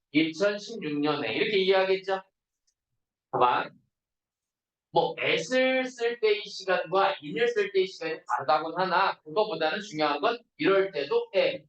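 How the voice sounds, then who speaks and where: A man teaching an English grammar class, constantly checking in with students and reading example sentences slowly. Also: high voice, highs cut off. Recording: roomy, distant classroom recording.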